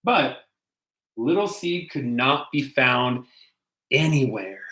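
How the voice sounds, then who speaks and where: A man, a pastor, reading a children's storybook aloud in a gentle, unhurried way. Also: mid-range voice, expressive. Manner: gentle, unhurried, self-correcting. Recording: echoey room.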